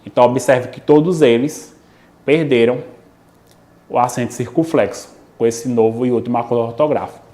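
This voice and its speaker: A man's voice: medium pitch, dark tone. Brazilian male teacher explaining spelling rules. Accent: Brazilian Portuguese, Pernambuco. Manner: explanatory, frequent "né?" and "ok?" check-ins, drawn-out example words. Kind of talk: recorded online lesson.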